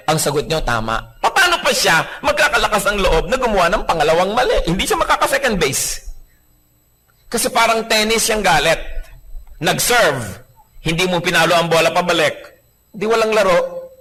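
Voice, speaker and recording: Male pastor, sermon, pitched a little high, very expressive delivery, acts out quotes. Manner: animated, acts out quoted voices; mixes in English scripture lines.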